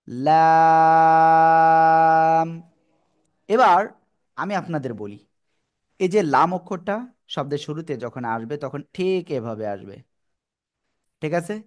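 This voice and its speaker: A man teaching an online class over a video call, repeating his instructions and encouraging the students. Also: a little high.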